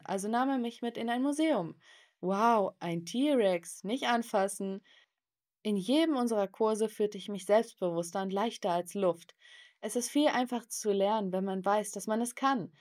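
A woman narrating a scripted, animated first-person story in a lively way. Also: medium pitch.

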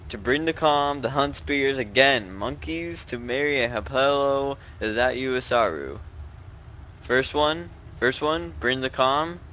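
A man's voice: mid-range voice, lively intonation, measured pace, bright, forceful tone, a little hiss or hum. A man giving casual live gameplay commentary as a streamer, crude, jokey and slangy. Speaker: game streamer.

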